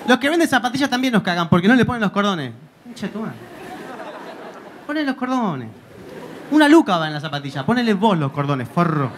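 A stand-up comedian with a Buenos Aires accent performs on a club stage into a handheld mic. His delivery is punchy and full of slang, with a lively, swinging intonation. Faint audience laughter and a low hum sit behind him. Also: a little fast, some chatter behind. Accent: Argentine, Buenos Aires.

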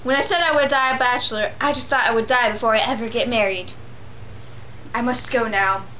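Reading multiple roles briskly in a slightly high voice, this young woman performs a homemade sock-puppet version of a classic play, plain and earnest, from behind a sheet backdrop in an indoor room. The recording has its highs cut off and a little hiss or hum.

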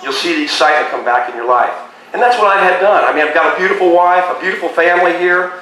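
A middle-aged man giving an excitable personal testimony at a beachside church service, tagging many phrases with "okay?". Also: on the high side, fast, slight background noise. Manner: excitable, keeps asking "okay?". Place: beach bar lounge, open-air service. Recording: echoey live sound from a distance.

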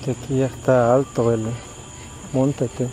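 Mellow man vlogging outdoors at night. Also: mid-range voice, flat delivery, measured pace, low-quality recording. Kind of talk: casual night exploration vlog addressed to viewers. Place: outdoors at night in a grassy area. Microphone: handheld camera at arm's length. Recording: outdoor recording with faint background noise, insects. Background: crickets and insects.

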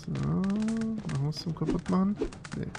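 Knarziger Let's-Player. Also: male voice, high voice, measured pace, vocal fry, noisy background. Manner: relaxed, mumbling to himself while playing. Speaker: let's play host. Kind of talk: casual game commentary.

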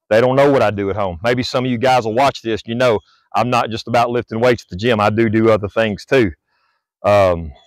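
A man gives a blunt motivational talk outdoors. He keeps repeating himself like a preacher, and his voice sits at an ordinary middle pitch. The sound is dry, with no echo around it. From Southern United States. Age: 40s. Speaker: fitness vlogger. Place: outdoors on a residential driveway.

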